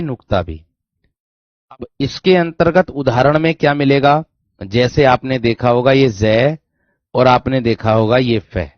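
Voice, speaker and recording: A man teaching a Hindi grammar class online, repeating key phrases, slowing down to dictate and often checking whether students understood. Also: medium pitch, no room sound. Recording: dry, dull lo-fi sound.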